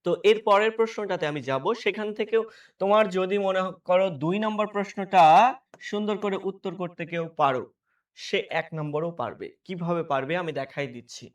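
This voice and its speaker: Man, teacher, exam-prep lesson, answers his own questions, high voice, a bit far from mic. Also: brisk. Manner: asks questions aloud and answers them himself, checks in often.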